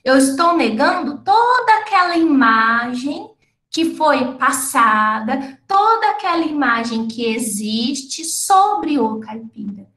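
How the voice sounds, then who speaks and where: In a slow, sing-song delivery, a woman with a high, fairly bright voice addresses teachers in a roomy-sounding space. She's an adult lecturer and researcher, schooling complete, not local to the city hosting the event, explaining her material step by step and often checking understanding with tag questions.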